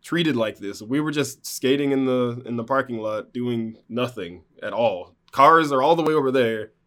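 A man's voice: medium pitch, moderate pace, a bit bright. A man recounting a personal story in casual conversation, rambling with many fillers and restarts. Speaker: guest telling a personal story.

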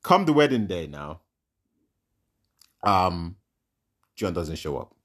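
A man in a casual podcast chat, retelling a film plot. His voice is very low. He rambles and acts out the scenes as he goes. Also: sing-song, slow, a bit bright. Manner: rambling, dramatizing, laughs often.

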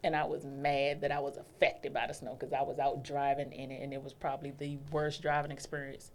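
A woman co-hosting a casual chat, reflective and earnest with quick comebacks. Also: a bass voice, flat delivery, darkish tone, slight background noise. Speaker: podcast co-host.

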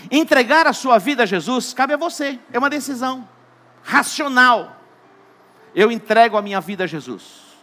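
A Brazilian pastor preaches with a high, bright, ringing voice. He tells jokes and Bible stories, swinging from quiet asides to loud, emphatic delivery. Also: animated, normal speed. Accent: Brazilian Portuguese. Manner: joking storyteller, shifts between hushed and loud emphatic. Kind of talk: sermon.

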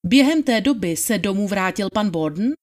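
A woman's voice: medium pitch, lively intonation, darkish tone, close to an everyday voice. A woman reading the part of a methodical male attorney questioning a witness, in a formal, probing manner. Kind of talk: dramatized trial testimony reading.

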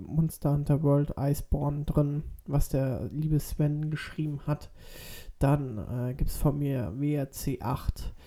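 A man's voice: fairly high pitch, warm tone. A man with a stuffy nose from a cold, talking casually and hesitantly as a solo podcast host.

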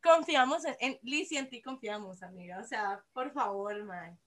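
A woman's voice: on the high side, normal speed, a bit bright, slight background noise. A Costa Rican woman chatting casually as a podcast co-host, playful and dramatic, mixing Spanish and English in Spanglish. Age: 30s. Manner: Spanglish, switching between Spanish and English mid-talk. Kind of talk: casual chat.

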